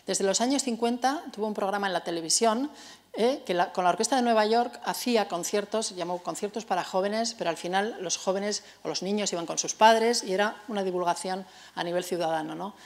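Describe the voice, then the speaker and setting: A woman's voice: medium pitch, a little fast. A woman with a Spanish accent from Spain giving a public music talk, explaining things to the audience and checking in often with "eh?" and "no?". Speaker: music lecturer. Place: cultural center hall.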